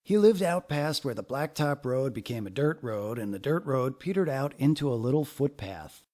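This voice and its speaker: At a medium pitch, a man reads a children's picture book out loud, using a deliberate and expressive storytelling manner.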